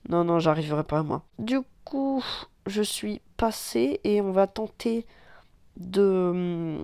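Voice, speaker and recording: A man from France giving casual let's-play commentary on a mobile tank game, excitable and quick to swear and cry out at the action. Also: sits high, vocal fry, clean tone, dry recording. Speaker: gaming YouTuber.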